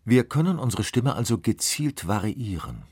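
A man narrating a radio feature in a smooth, measured, scripted way. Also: medium pitch, sing-song, a little mellow, no room sound, clean studio sound.

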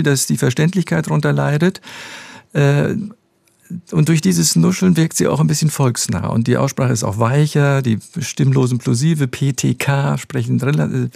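A man, a professor of speech science, explaining in an interview in a measured, precise way. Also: medium pitch, vocal fry, warm tone, dry recording. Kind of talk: expert interview answers.

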